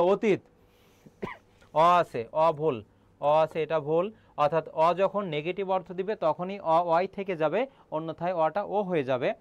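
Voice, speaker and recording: A middle-aged man with a Bangladeshi Bengali accent, a senior teacher running an online admission-prep class. He explains step by step, often quizzes his students and keeps clearing his throat. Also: a little high, dry recording.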